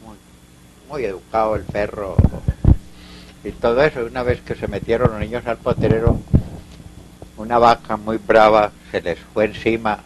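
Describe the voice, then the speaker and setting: Elderly Colombian man, halting storyteller. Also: on the low side, steady tone, background noise. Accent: Colombian Paisa Spanish. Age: older. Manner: rambling, halting, full of restarts and asides. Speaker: elderly interviewee recounting local history. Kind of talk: storytelling in an oral history interview.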